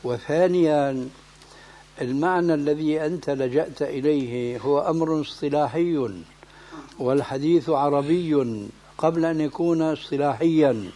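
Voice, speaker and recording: A religious scholar teaches with firm, emphatic corrections. His voice sits somewhat high for a man yet sounds warm and mellow. He often tosses out a question and answers it himself. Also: normal speed.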